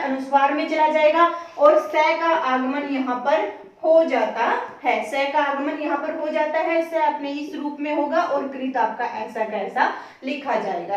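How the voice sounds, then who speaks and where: A woman's voice: high voice, muffled recording. A woman teaching a grammar lesson, posing questions to her students and answering them herself, repeating the key words. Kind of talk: classroom-style lesson. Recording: very echoey room, voice from a distance.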